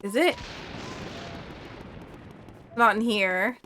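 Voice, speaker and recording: A woman's voice: mid-range voice, lively intonation, very slow, sharp tone, slight background noise. A woman streamer chatting casually to herself and her viewers while playing a video game. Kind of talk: casual live gameplay chat.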